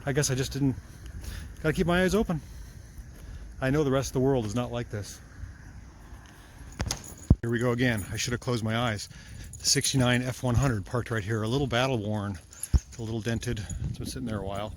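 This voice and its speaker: A man vlogs while running outdoors, huffing a little as he talks in an easy, enthusiastic way. His voice sits at an ordinary middle pitch. Faint street ambience and a dog can be heard behind him. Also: fairly quick, long pauses, background noise. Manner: chatty, enthusiastic, talking while jogging. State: out of breath. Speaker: vlogger, mechanic. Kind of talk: casual walking vlog.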